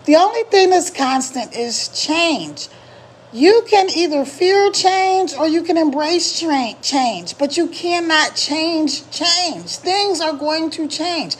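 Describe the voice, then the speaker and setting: Speaking slowly and expressively in a high register, the middle-aged coach keeps up her casual live-stream chat about online marketing, hoarse at the edges and repeating points for emphasis. A bit of background noise can be heard.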